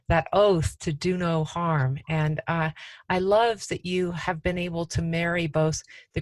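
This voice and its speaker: A woman's voice: on the low side, no room sound, poor audio. A woman hosting an interview show, reading a scripted intro and asking questions in an earnest, admiring way. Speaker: podcast host.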